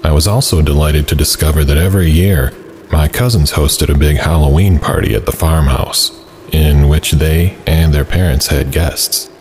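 Very deep-voiced man narrating. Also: moderate pace, darkish tone, a little hiss or hum, rough recording. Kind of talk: scripted first-person scary story narration.

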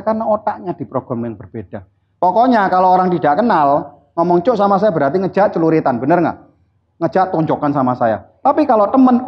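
Male seminar speaker, high and lively voice, blunt teasing delivery. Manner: blunt, teasing, quizzes the audience. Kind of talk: live motivational seminar talk. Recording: dull lo-fi recording.

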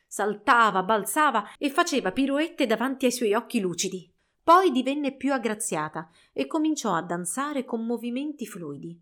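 A woman reads a storybook aloud in an expressive, measured way. Her voice sits fairly high. She paces the tale with care. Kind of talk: storybook narration.

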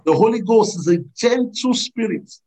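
A man preaching a sermon, animated, laughing and drawing answers from his congregation. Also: sits high, moderate pace, slight background noise, rough recording. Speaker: pastor.

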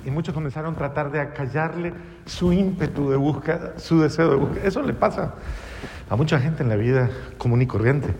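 A man's voice: fairly high pitch, brisk, long reverb tail, slight background noise. A man preaching a sermon, telling the story dramatically and acting out the voices in it. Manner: dramatic storytelling with acted-out quotes and big swings in loudness.

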